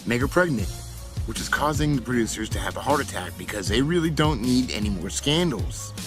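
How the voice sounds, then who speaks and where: A man narrates a scripted commentary, stepping through dates and reports in order. His voice sits at a middling pitch. Music runs clearly behind him throughout. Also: expressive, a little fast. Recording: clip with music playing behind.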